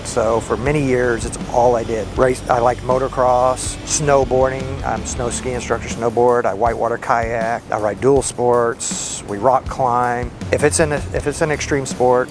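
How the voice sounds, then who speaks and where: Man rattling off extreme sports. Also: mid-range voice. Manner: enthusiastic, listing rapidly. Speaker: interviewee. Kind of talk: casual chat.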